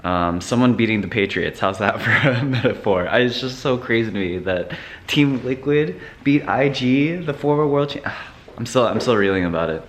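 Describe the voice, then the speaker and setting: A man's voice: mid-range voice, expressive, normal speed. Laid-back young man vlogging casually. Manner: laid-back, rambling with many fillers. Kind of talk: casual daily vlog.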